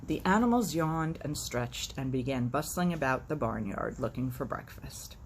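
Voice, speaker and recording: Reading aloud as a storytime host, this woman has an extremely low-pitched voice with lively intonation and an ordinary pace. She expressively tells the story while adding playful, sardonic remarks in a chatty way, over slight background noise.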